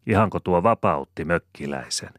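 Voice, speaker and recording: A nosy, cheerful country woman full of eager questions, as a man reading the story puts her on. The voice is still deep underneath but lifted and lively. The sound is close and dry, like an old storybook reading. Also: dry recording. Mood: curious. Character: curious cheerful peasant woman.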